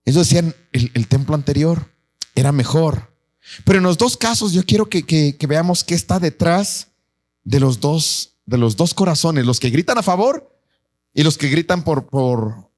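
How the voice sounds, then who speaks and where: A man's voice: fairly high pitch, normal speed. A man preaching a sermon as pastor, asking the congregation questions and acting out the people in the story. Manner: animated, acts out voices of the people in the story.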